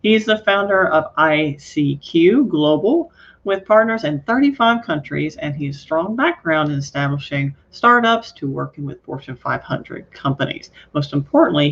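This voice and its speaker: A woman's voice: sits low, gravelly. Upbeat female show host, dull lo-fi sound. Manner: upbeat, inviting. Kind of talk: live show introduction. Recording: dull lo-fi audio.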